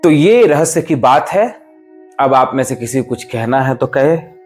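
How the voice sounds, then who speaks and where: A man's voice: mid-range voice, expressive, measured pace, a little mellow, soft background music. A man, a spiritual teacher, giving a devotional discourse in an emphatic, explanatory way. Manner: emphatic, explanatory, rises and falls sharply for stress.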